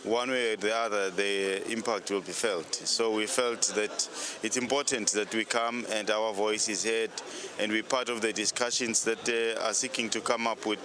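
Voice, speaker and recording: A man, a government delegate, speaking in a measured, formal way. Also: fairly low pitch, steady tone. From Swaziland. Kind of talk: street interview answer. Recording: outdoor crowd noise.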